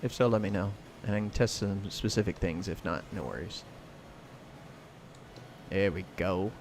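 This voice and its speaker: A man's voice: low voice, moderate pace. American man doing casual game stream commentary. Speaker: livestream host and gamer. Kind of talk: casual live commentary while playing. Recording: clear noise, game sounds behind. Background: video game sound and clacking arcade buttons.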